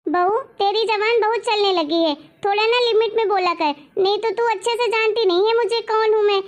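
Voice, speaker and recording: A woman's voice: extremely high pitch, brisk. A woman playing a proud, bossy mother-in-law who scolds indignantly, in a family drama. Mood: scolding.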